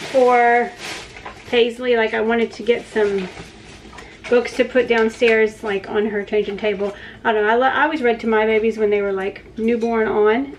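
A talkative woman in her forties recording a home vlog in her kitchen, her voice sitting a little high. She rambles from one aside to the next and laughs easily. A faint hum of household ambience runs underneath. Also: poor audio. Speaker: vlogger. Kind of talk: casual home vlog chat. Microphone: camera on the counter, sometimes handheld.

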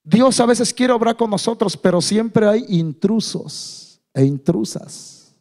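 High-voiced preaching pastor. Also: male voice, lively intonation, slow. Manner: preaching with rising shouted climaxes, addressing listeners as brother. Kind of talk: sermon.

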